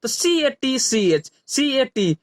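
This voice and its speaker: A man's voice: extremely high pitch, very animated, takes it slowly, no echo, studio quality. A man teaching English pronunciation. He spells words out letter by letter and keeps asking and then answering his own questions. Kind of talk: phonics lesson.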